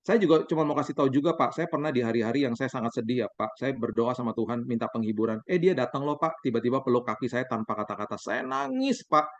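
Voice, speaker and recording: A man in his forties, a pastor, preaching a sermon as lively stories, acting out the dialogue for the congregation. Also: medium pitch, quick pace, hardly any pauses, no room sound. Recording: dull, dry sound.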